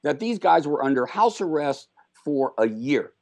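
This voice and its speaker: A man's voice: a little high, sing-song, moderate pace, a little mellow. Sardonic man hosting political talk radio. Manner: sardonic, opinionated.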